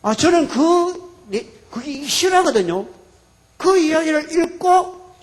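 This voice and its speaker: Male pastor, Gyeongsang accent, sermon, high voice, lively swooping pitch. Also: takes it slowly. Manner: animated storytelling.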